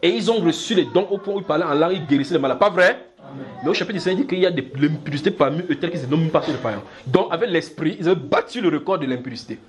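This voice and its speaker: A man preaching a sermon in church, lively and demonstrative, often checking that the congregation follows. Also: fairly high pitch, racing. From Cameroon. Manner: animated, acts out little scenes and keeps checking the congregation follows.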